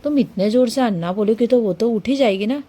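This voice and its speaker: A woman's voice: a little high, fairly quick, mellow. A woman vlogger at home, talking in a coaxing, questioning way with her small child and then to her viewers. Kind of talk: casual home vlog. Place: home in an apartment building.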